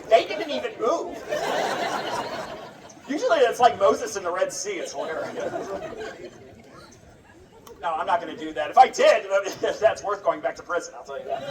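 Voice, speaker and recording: A sword swallower giving comic live stage patter to a festival crowd, with a showman's wry, joking banter. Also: medium pitch. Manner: sword swallower's showman delivery addressing onlookers. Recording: roomy, distant mic with crowd noise.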